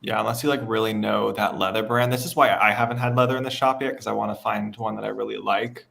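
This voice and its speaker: A man's voice: fairly low pitch, steady tone, fast, vocal fry, fairly bright tone. A man hosting a live beading show, chatting casually, reading out viewer questions and laughing often. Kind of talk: casual livestream chat. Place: West Coast of the United States.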